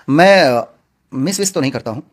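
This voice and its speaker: A man's voice: medium pitch, animated, a little slow. A man answering interview questions as a film actor, speaking earnestly and outspokenly with emphatic stresses.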